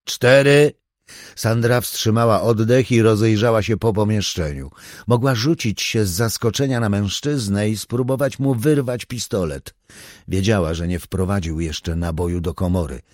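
A man reading a thriller audiobook in a measured, even storytelling manner. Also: fairly low pitch, no echo, studio quality. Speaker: audiobook narrator. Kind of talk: scripted thriller narration.

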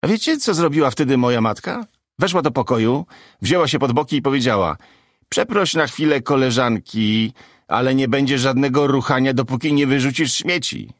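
A man's voice: mid-range voice, normal speed, dry recording, clean studio sound, voice pushed up, lightly acted. A man voicing a skinny, nervous young stand-up comic who tells his jokes eagerly, with strain in his voice. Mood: joking. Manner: eager, strained joke telling.

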